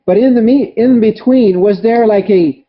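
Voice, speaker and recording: An interviewer asking hesitant, halting questions and sharing their own experience. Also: medium pitch, dull audio. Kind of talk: casual interview.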